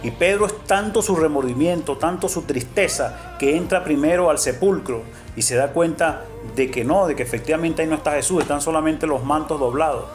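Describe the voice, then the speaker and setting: A man's voice: fairly high pitch, brisk, hardly any pauses. A man preaching an earnest storytelling sermon, emphatic and fond of repeating his phrases. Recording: faint background music.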